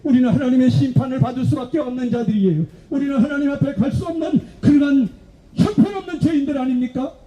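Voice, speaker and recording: Very high-voiced preaching man. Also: fast talker, mellow, a little hiss or hum. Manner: emphatic preaching with frequent rhetorical questions. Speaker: pastor, street evangelist. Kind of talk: outdoor evangelistic sermon. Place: outdoor public park.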